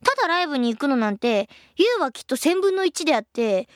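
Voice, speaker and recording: A young woman in her twenties hosting a radio show, reading listener letters and answering them in a chatty, playful way, her voice a little husky. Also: high voice, fast, dry recording, clean studio sound. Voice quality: a bit husky, by her own account. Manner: lively, chatty and playful, laughs at her own slips.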